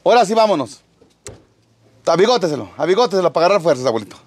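A man's voice: sits high, very animated, very fast, a little mellow, slightly rough. A man with a Mexican accent chatting and teasing an elderly man, reading out greetings from viewers. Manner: jokey, reads out viewer greetings. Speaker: vlogger visiting an elderly man. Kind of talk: casual teasing chat.

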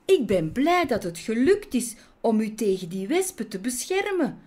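A woman voicing a bright, cheerful young female bee. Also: fairly high pitch, very animated, moderate pace, voice pushed up.

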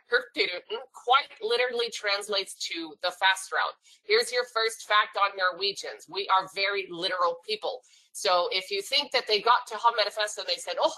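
Woman from Norway, webinar presenter, bright voice, friendly explanatory delivery, mid pitch. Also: rough recording. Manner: friendly, explanatory, lightly humorous. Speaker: sales presenter for a cruise line. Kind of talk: webinar presentation to travel agents.

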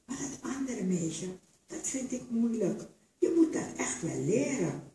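A woman's voice: on the high side, big pitch swings, a little slow, vocal fry, dark tone, voice pushed up, full character voice. A woman voicing a soothing, resigned older village woman during a book reading. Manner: soothing, reassuring. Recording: echoey theater hall from far off.

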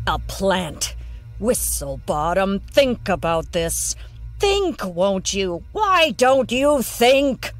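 A woman's voice: sits low, slow, faint music behind, full character voice. A woman voicing a stern, disgusted male demon boss who lectures coldly in a scripted audio story. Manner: cold, scornful lecturing. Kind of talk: scripted audio drama narration.

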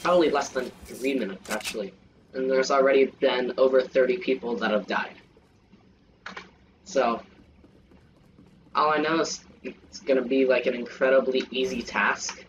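A man's voice: mid-range voice, normal speed, long pauses, noisy background. Rambling young man narrating his gameplay. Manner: rambling, many fillers. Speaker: gaming channel host. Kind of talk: casual gameplay commentary. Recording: distant mic with faint game music.

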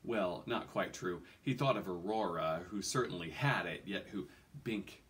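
A man in his forties, low-pitched and a little slow, reads aloud from a fantasy novel in a small indoor room at home. The tone is a bit bright and the storytelling theatrical, in the expressive manner of an audiobook, though he trips over a word occasionally.

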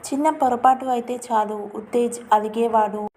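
A woman storyteller reads a family tale in a steady, even manner. Her voice is fairly high yet dark and mellow, and a faint hiss of noise sits under the recording. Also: normal speed. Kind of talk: scripted story narration.

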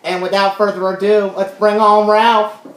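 A woman hosts a comedy skit, brisk and teasing with her guests. Her pitch is ordinary, and the room around her rings with echo. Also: level tone. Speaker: mock show host. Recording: echoey room.

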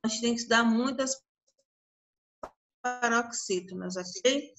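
A woman teacher with a Brazilian Portuguese accent giving an online grammar lesson, stretching out her example words and often checking in with the class. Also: fairly high pitch. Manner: drawn-out syllables, frequent check-ins with the class.

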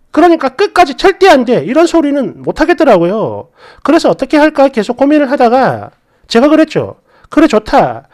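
A woman narrating a community story in the first person, expressive and frustrated, as a regular storytelling host. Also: high-pitched. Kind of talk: reading a community post aloud.

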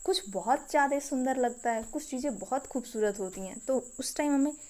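A woman with an Indian accent teaching English vocabulary, explaining each phrase slowly and repeating it with pauses. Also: high-pitched, darkish tone. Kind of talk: spoken English vocabulary lesson.

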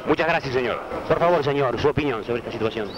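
A young man with an Argentine accent works as a street reporter in an old 1970 newsreel, conducting formal, insistent vox pop interviews outdoors on a busy city street. His mid-range voice moves quickly over a background crowd. He holds a handheld microphone, and the archive audio is dull and noisy.

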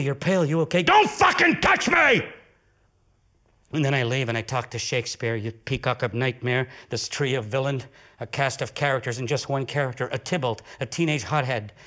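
A man performing an intense, profane theatrical monologue with dramatic swings of pitch and volume. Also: a bit bright. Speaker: solo stage performer.

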